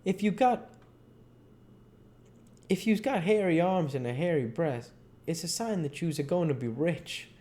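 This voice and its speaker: Man voicing Jim, earnest folksy man, pitched up. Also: animated, unhurried, pauses often, a little mellow. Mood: earnest, insistent. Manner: folksy, emphatic, dialect-heavy speech. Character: Jim, superstitious runaway man in old American South, earnest. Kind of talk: storybook character reading. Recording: audible background noise.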